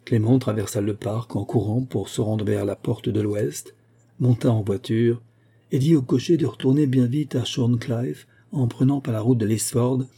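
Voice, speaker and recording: A man giving steady, measured scripted narration of a classic novel as an audiobook reader. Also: mid-range voice, slightly rough.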